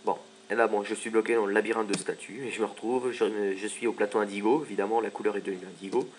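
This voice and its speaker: A man's voice: fairly low pitch, fairly even intonation, fast, a little hiss or hum. A man giving casual gameplay commentary, chatty and joking as he plays. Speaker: let's play commentator.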